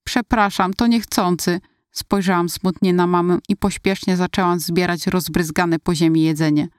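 A woman narrating a first-person story in a calm, confiding way. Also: fairly low pitch, normal speed, smooth, no room sound, studio quality. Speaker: audiobook narrator.

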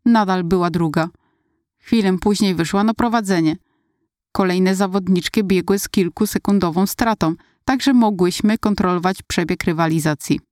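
A woman narrating a first-person story in a steady, inward-looking retelling. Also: lowish voice, normal speed, no room sound, clean studio sound.

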